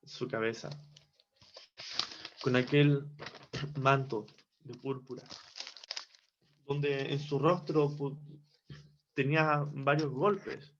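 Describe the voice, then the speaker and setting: A man's voice: medium pitch, steady tone, a bit bright, a little hiss or hum. A man giving a devotional Bible teaching from Chile, reflective and repeating phrases for emphasis. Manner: slow, reflective, with restarts and emphatic repetition. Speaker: preacher. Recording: dull lo-fi recording.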